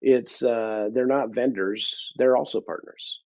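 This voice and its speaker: A man's voice: medium pitch, steady tone, measured pace, a little mellow, dry recording. An older man, a business leader, answering interview questions in a thoughtful, conversational way, with dry humor and frequent ums. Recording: dull, dry lo-fi sound.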